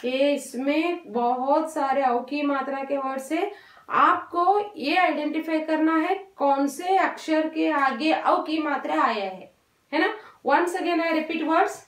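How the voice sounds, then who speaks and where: Woman, primary teacher, high voice, slow drilling delivery, roomy, off-mic sound. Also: a bit bright, recorded from a distance. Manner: patient, repeats and drills words, mixes English into Hindi. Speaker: primary school Hindi teacher. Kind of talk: slow online class lesson. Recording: echoey room, voice off-mic.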